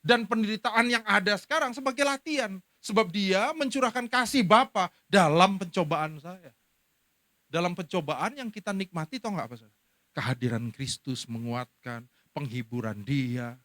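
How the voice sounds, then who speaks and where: Middle-aged male preacher, animated storyteller, high bright voice. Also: normal speed, no echo. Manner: animated storytelling, acting out quoted speech. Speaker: pastor. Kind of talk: sermon.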